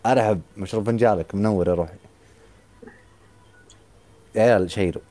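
A man's voice: lowish voice, brisk, warm tone. A man, a live streamer taunting his rival and urging his viewers on in a boisterous stream battle.

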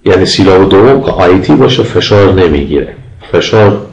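A man with an Afghan Dari accent teaching English grammar as a lecturer, patiently repeating example words slowly for pronunciation. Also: deep voice, lively intonation, darkish tone, echoey room, lo-fi sound, a little hiss or hum. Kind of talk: recorded lecture.

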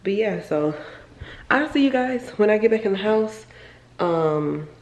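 A woman's voice: mid-range voice, lively intonation, a little slow, a little mellow. Chatty woman vlogging in an echoey kitchen. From Florida. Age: 20s. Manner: rambling, chatty, repeats herself. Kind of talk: casual vlog chat. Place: home kitchen indoors. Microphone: handheld camera, then camera set on counter.

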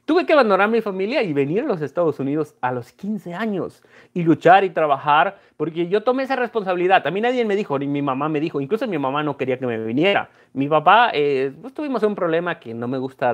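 A man's voice: a little high, lively intonation, a little fast. A young Mexican man with a Mexican accent, speaking casually and reflectively to camera in a vlog, mixing in Spanglish words. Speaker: numismatics vlogger.

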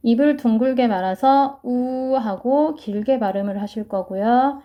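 A woman's voice: a little high, unhurried. A woman teaching English pronunciation, explaining each sound patiently and step by step. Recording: muffled lo-fi sound.

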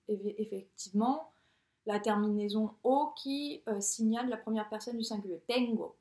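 A woman teaching Spanish in in a recorded lesson, talking briskly and patiently and checking in often with her students. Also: fairly high pitch. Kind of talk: recorded lesson correcting exercises. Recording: echoey room.

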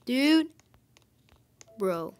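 A woman giving casual commentary over her gameplay. She gets excited quickly and grumbles at her teammates. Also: a little high. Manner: excitable, quickly frustrated, calls teammates idiots. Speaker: gaming video host.

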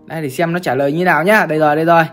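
A woman's voice: low-pitched, steady tone, rapid-fire, faint music behind. A woman from Vietnam, giving chatty gaming commentary and constantly calling out to her viewers. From Bắc Giang, Vietnam. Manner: chatty, keeps calling out to the audience. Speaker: gaming streamer.

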